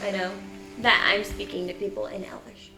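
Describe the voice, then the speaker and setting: A woman's voice: mid-range voice, flat delivery, normal speed, gravelly. Woman player in an echoey room. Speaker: player in a tabletop game show. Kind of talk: casual in-game description and chat. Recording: roomy echo, faint background music.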